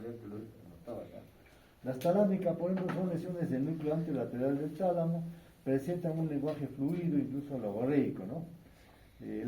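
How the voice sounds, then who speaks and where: A man's voice: fairly high pitch, mellow, distant mic, a little hiss or hum. Man lecturing in an echoey room. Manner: conversational, frequent tag questions. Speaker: neurology lecturer. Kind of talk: medical lecture. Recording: echoey room, speaker away from mic, faint ambience.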